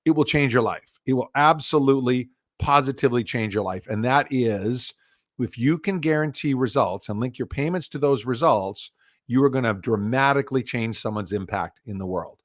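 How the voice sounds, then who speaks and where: A middle-aged man giving a live virtual business talk over a video call, telling stories with lively acted-out quotes. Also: medium pitch, no room sound, clean studio sound. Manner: animated storytelling, acts out quoted voices. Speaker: business speaker.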